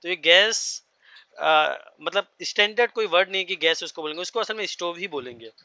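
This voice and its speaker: Man, English teacher, bright, dry, dull muffled sound. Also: high-pitched, lively intonation, brisk, smooth, dry recording. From India. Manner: explains each word with repeated checks to the class. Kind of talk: classroom vocabulary lesson.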